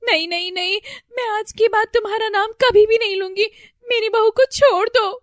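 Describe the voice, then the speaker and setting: Woman voicing a shrill panicky mother-in-law. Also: moderate pace, dry recording, studio quality. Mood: panicked wailing. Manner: shrill, wailing and pleading. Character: older mother-in-law, fretful and easily panicked.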